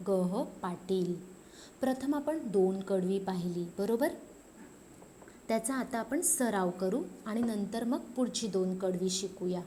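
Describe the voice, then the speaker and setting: Woman schoolteacher, unhurried explainer, mellow tone, light background hiss. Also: mid-range voice. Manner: explains slowly, mixing Marathi and Hindi; recites poem lines in a lilting sing-song. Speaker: teacher. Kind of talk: poem lesson for school children.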